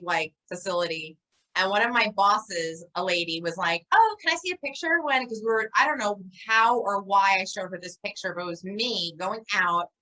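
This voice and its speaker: Lively New York woman storytelling. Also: mid-range voice, low-quality recording. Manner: animated storyteller, laughs a lot. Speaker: podcast co-host. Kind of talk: casual chat.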